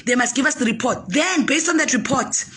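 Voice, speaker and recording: Woman, foundation spokesperson, high bright voice, firm and repetitive on-camera statement. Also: fairly quick, a little hiss or hum. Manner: emphatic and insistent, repeating key points.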